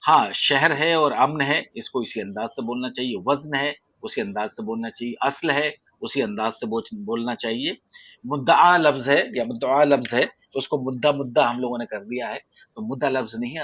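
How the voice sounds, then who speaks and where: A man from central India with an Indian Urdu accent, teaching poetic meter in an online audio class, measured and explanatory with frequent hesitations. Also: medium pitch, fairly bright tone, no room sound, muffled recording. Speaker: poetry teacher. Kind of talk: prosody lesson in an online audio room.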